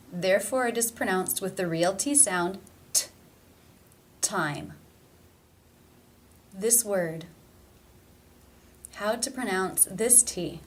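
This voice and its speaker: A woman leads a pronunciation lesson at an unhurried, careful pace. She states each rule plainly, then says the example word twice, slowly and deliberately. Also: medium pitch. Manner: slow and deliberate, repeating example words. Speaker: pronunciation teacher.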